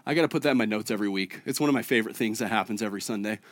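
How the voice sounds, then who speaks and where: A man's voice: fairly low pitch, very fast. A male pastor preaching a conversational sermon, full of rhetorical questions to the congregation. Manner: chats casually with a child mid-sermon.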